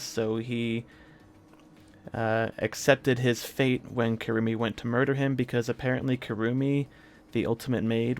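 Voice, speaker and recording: A medium-pitched man chats casually while live-streaming a video game, his throat scratchy and hoarse. He rambles, full of filler words and false starts.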